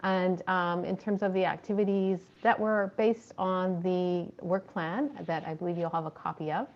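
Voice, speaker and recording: A woman's voice: lowish voice, fairly even intonation, normal speed, lo-fi sound. A woman presenting a fundraising report to a committee, talking steadily with many ums and uhs. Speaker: fundraising coordinator.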